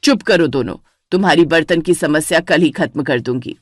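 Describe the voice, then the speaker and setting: A woman voicing a stern, commanding older mother-in-law in a dramatized story, scolding in a lower voice. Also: moderate pace, dry recording, studio quality, faint music behind. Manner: scolding and authoritative.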